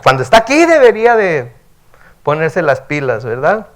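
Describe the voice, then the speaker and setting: A pastor teaches the Bible at a midweek service, reading verses aloud and then explaining them. His voice sits a little high for a man, and he talks in a relaxed, conversational way, often tagging on a questioning "right?" to draw in the listeners. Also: normal speed. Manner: conversational, frequent "¿verdad?" tags, reads scripture aloud and explains.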